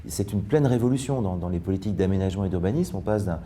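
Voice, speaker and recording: A man speaks as a guest on a panel debate. His voice sits low and sounds very dark. He explains at length, often pausing and restarting his phrases. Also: animated, slight background noise. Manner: hesitant, many restarts, explanatory. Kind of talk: panel discussion.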